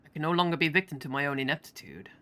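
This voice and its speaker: A woman's voice: deep voice, expressive, racing, sharp tone. A woman reading the lines of a bitter, earnest young male mage in a solemn, old-fashioned way. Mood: grave.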